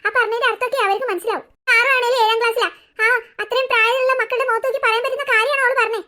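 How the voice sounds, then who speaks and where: Woman doing a fiery cartoon mom, sharp and bright, talks fast. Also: extremely high pitch, steady tone. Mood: furious. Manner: sharp, confrontational. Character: fiery middle-aged wife and mother. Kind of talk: cartoon dubbing.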